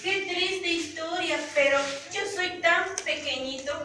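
A woman with a Mexican accent voicing a small, kind male red songbird in a high, chirpy voice. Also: a little slow, bright, forceful tone, full character voice. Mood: sad. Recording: echoey room, far from mic, noisy.

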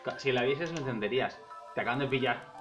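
A man's voice: medium pitch, fast talker, fairly bright tone, lo-fi sound. A man with a Spain accent in casual gameplay banter, dropping in English phrases. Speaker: gamer commentator. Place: indoor room with friends. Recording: roomy, game music behind.

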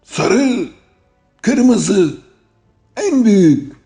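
A man's voice: low voice, animated, moderate pace, a little mellow, faint music behind. A man voicing a polite, deferential young man doing errands for an old neighbor, in a storybook reading. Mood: chanting.

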